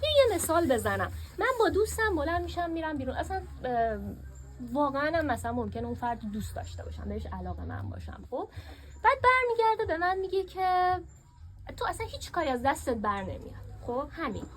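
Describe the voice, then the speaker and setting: A woman teaching a workshop class in a classroom, lively and asking her students questions. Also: high voice.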